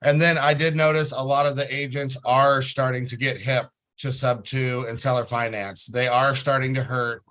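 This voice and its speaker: Relaxed man rambling on a video call. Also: medium pitch, moderate pace, hardly any pauses. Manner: relaxed and rambling, acts out his own past talk. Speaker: group member asking questions. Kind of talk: casual chat on a video call.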